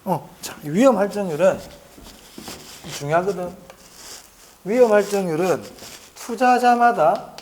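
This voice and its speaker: A man's voice: high-pitched, animated, measured pace, long pauses, a little mellow, slight background noise. A middle-aged man giving an exam-prep lecture in a chatty manner, often asking the class questions and answering them himself, and repeating key points for emphasis.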